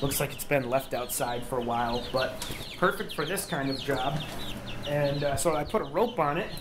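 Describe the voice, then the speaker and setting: In a basement workshop, a man in his thirties casually explains a homestead how-to for his vlog, using a mid-range voice at normal speed. His delivery is relaxed and wandering, dotted with ums. He films on a body-mounted action camera, and clucking chickens and cheeping chicks make the basement noisy.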